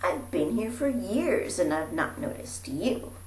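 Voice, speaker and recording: A woman gives an animated, theatrical reading of a rhyming picture book, unhurried and very expressive, with breathy whispers and moments of calling out. Recorded amateur-style, it carries a roomy echo and faint background noise.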